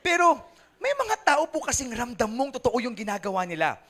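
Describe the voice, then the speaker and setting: A man's voice: extremely high pitch, wildly swooping pitch, fairly quick, bright, forceful tone. A young adult Filipino man preaching a sermon with humor, mixing Tagalog and English and acting out churchgoers. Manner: switches between Tagalog and English. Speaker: pastor.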